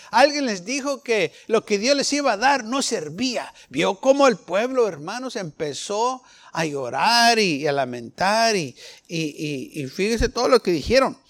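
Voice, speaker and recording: A man's voice: high voice, fairly bright tone. A man preaching a sermon, firing rhetorical questions at the congregation and acting out the people he quotes. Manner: fervent, rhetorical questions, acts out quoted voices.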